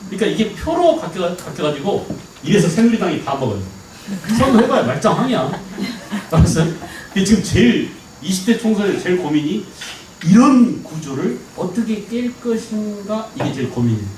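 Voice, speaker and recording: In a lecture hall, a middle-aged Jeolla man delivers an animated history lecture, constantly posing rhetorical questions to make sure the class keeps up. His voice runs on the high side, and the distant-mic recording carries echo plus a faint hiss or hum.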